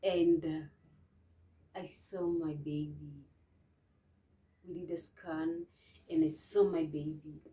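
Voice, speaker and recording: A young woman telling a personal story to camera, emotional and hesitant, with many restarts and soft, trailing phrases. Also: low voice, fairly even intonation, slow, pauses often. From Kenya. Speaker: vlogger.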